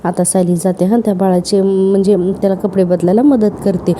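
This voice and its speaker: A woman's voice: mid-range voice, fairly even intonation, fairly quick, mellow, slight background noise. A woman narrating a serial episode recap in a chatty storytelling way, with asides to her listeners.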